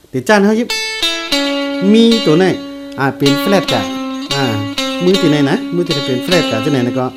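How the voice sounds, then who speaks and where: A man's voice: fairly high pitch, expressive. Man teaching guitar chords over playing. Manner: explains slowly, repeats note names while playing. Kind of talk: casual music lesson. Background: guitar played along.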